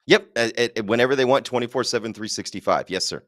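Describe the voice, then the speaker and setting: A man's voice: mid-range voice, a bit bright, dry recording. A man answering as a guest expert, explaining at length with confidence and the odd quip. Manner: confident, explaining, quick jokes.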